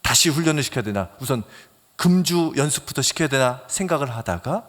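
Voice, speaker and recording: A man pastor preaching a sermon in a lively, animated way, swinging between loud emphasis and soft near-whispers and acting out quoted phone talk as he tells a story. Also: medium pitch, brisk. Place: church sanctuary. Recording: long church reverb.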